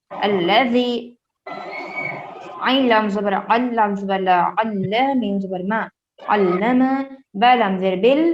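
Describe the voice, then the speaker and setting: A woman teacher from India leads a recitation lesson, spelling out each letter and vowel slowly before she recites the full verse. Her voice sits at a middling pitch. The audio is muffled and lo-fi. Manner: slow, syllable-by-syllable spelling, then reciting the whole verse; explains patiently, quizzes students, mixes in English words.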